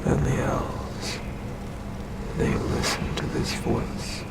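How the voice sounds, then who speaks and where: In an ASMR roleplay, a man voices an ancient, sinister eldritch god, telling a story in a breathy, creaky voice that often drops to a whisper. He speaks with deliberate menace and long pauses, creating an ominous, patient mood. The recording is very noisy.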